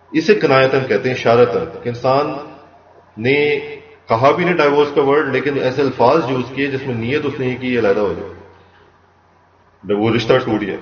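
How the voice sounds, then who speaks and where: A man calmly teaching a religious law lesson, explaining step by step and repeating key points. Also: mid-range voice. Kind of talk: explanatory lecture mixing Urdu and English terms. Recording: echoey, distant, dull lo-fi room recording.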